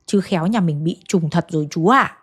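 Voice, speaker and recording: A woman's voice: lowish voice, a little fast, husky, soft background music, pitched below the performer's own voice. A woman voicing a hot-tempered middle-aged man, the family's eldest son, in a ghost story. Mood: weary. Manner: shouting, threatening.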